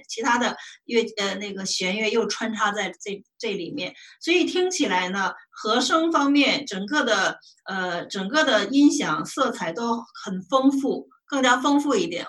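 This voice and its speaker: A woman's voice: medium pitch, pushed and bright. A woman giving a casual spoken music lesson. She hesitates with many fillers and restarts, and hums short bits of melody. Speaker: music appreciation presenter.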